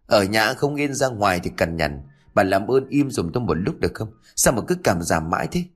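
A foul-mouthed, defiant young man snaps back at his elders in quick, sneering bursts, as a man reads him. His pitch jumps around a lot, and his voice sits low. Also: big pitch swings, husky. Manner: sneering, cursing, fast. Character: rude insolent young man, defiant son.

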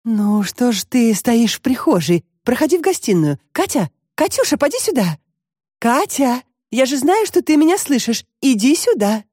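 Fretful old grandma voiced by the audiobook reader, soft dark tone, dry room. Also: medium pitch, very animated, moderate pace, hardly any pauses, dry recording, voice pushed up. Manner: anxious, fussing. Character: flustered grandmother, older woman.

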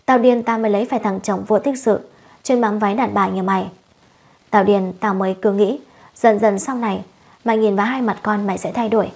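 A woman voicing a sharp-tongued young village wife who scolds and curses shrilly, in a storybook reading. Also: medium pitch, steady tone, fairly quick, husky. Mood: furious.

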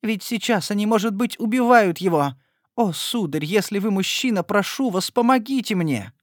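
A man's voice: on the high side, moderate pace, no echo, clean studio sound, pitched above the performer's own voice, close to an everyday voice. A man voicing a frightened young noblewoman who pleads tearfully and imploringly. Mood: pleading, distraught.

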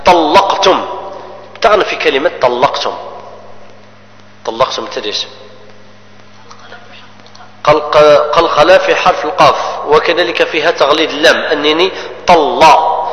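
A man's voice: on the high side, fairly bright tone. Man teaching tajweed in an echoey hall. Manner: explains rules then chants verses slowly, quizzes students. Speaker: Quran recitation teacher. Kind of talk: tajweed lesson with chanted recitation examples. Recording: echoey hall with long reverb.

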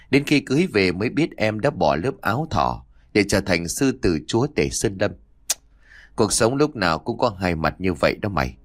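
A man reading aloud a rowdy young married guy on a night fishing trip in a spooky audio story. he's blunt and grumbly, teases his buddies, and always sounds a bit fed up. the voice sits low and deep and swings around a lot, in a dry, close reading. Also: dry recording.

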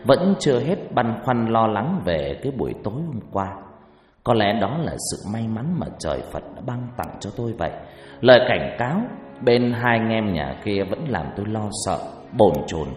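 Male storyteller, mid pitch, lively dramatic narration, echoey room, faint music bed. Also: moderate pace. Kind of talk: scripted first-person ghost story narration.

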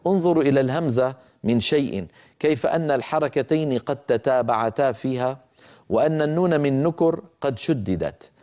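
A middle-aged man teaches the rules of Quran recitation in an unhurried, patient way, with a mellow, soft tone. He stops often to draw out the example words in a slow chant, then goes back to calm explanation. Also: medium pitch.

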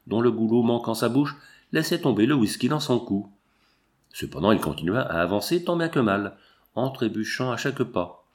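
A man narrating a novel in an expressive, measured reading. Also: lowish voice.

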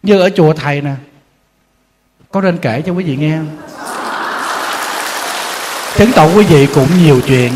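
Male monk preaching; lively anecdotal delivery, slightly high-pitched, recorded with long reverb in a temple hall. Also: a little slow, long pauses, crowd noise, noisy background. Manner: storytelling, animated, acting out quotes with humor. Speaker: Buddhist monk giving a dharma talk. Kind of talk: sermon.

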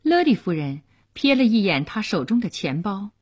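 A woman narrating a story for radio in a measured, expressive way. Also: medium pitch, breathy edge.

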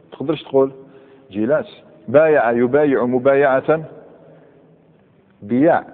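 A man with an Algerian Arabic accent gives a grammar class, firing questions at his students and slowly reciting verb forms one by one. His voice sits at an ordinary pitch. The recording is thin and phone-like, with a long, echoing tail from a large hall. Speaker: Islamic scholar teaching Arabic grammar. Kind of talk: classroom lecture. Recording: tinny, echoey hall recording.

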